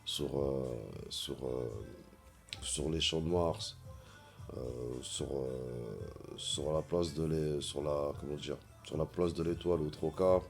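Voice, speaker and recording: A man vlogging in a casual monologue, halting often with fillers and repeating words as he searches for them. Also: extremely low pitch, fairly even intonation, faint music behind.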